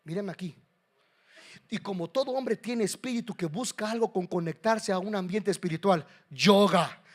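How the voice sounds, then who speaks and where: A male pastor preaching a sermon, swinging between loud calls to the congregation and hushed, confiding asides. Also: high voice.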